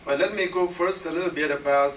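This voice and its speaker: A man in his forties with an Afghan accent, a physician giving a formal lecture in a halting way, with many pauses and fillers. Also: a little high, steady tone, fairly bright tone. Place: auditorium at a medical center. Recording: echoey hall recorded from far off, noisy.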